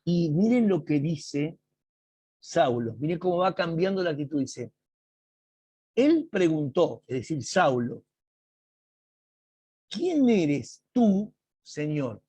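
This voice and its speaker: Husky, slow male Bible teacher. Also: a little high, animated, darkish tone, dry recording. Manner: slow, emphatic explaining with dramatic read-aloud quotes. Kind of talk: online Bible class lecture. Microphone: video call.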